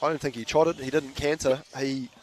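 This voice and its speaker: A man with a New Zealand accent doing live basketball commentary in a relaxed, chatty way, trading jokes with his co-host. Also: medium pitch, moderate pace, slight background noise. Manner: laid-back, chatty, laughs easily. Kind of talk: live sports commentary with banter.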